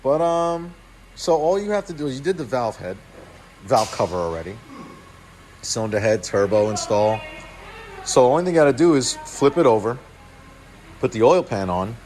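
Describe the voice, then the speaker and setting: A car channel host in his thirties chats casually on the shop floor of an indoor auto repair shop, often stopping to correct himself or start a sentence over. His mid-range voice is a bit mellow, moves at normal speed with frequent pauses, and comes through poor audio with soft music behind it.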